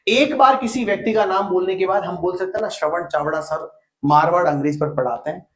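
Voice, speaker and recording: A male grammar teacher lecturing at a digital board with a high, bright-pitched voice. He drills each phrase again and again and keeps asking his students questions. The sound bounces around an echoey room. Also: fairly quick. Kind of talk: classroom lecture.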